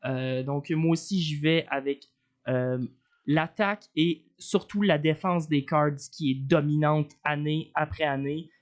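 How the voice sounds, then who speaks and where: A man with a Quebec French accent, co-hosting a sports podcast in casual chat, opinionated but halting with fillers. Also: on the high side, steady tone, lo-fi sound.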